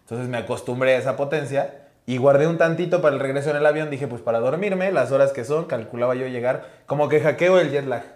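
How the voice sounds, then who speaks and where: A young man with a Mexican accent, a guest telling casual anecdotes in a relaxed way. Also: mid-range voice, fast talker, roomy sound. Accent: Mexican Spanish. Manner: relaxed storyteller, acts out quoted lines.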